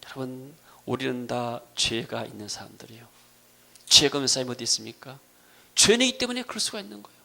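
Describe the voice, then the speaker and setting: A male pastor preaching a sermon, swinging from loud calls to quiet asides and calling out hallelujah. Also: mid-range voice, animated, fast talker, gravelly. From Korea.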